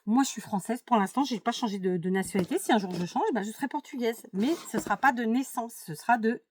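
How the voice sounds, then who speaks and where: A woman's voice: a little high, quick pace, a little mellow. A middle-aged woman from France chatting to her viewers, opinionated and full of fillers and asides, with a noisy home recording. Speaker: YouTube vlogger. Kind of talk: casual chat to camera while doing a craft task.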